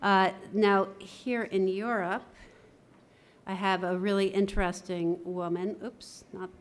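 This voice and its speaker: A woman's voice: medium pitch, level tone, takes it slowly. A woman theatre professor giving a conference presentation, conversational and enthusiastic, often correcting herself as she goes.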